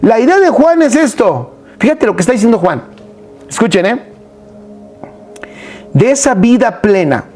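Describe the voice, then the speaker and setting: Animated preacher, emphatic. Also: male voice, very high-pitched, normal speed, long pauses, slight background noise. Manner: animated, emphatic, rhetorical questions. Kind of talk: sermon.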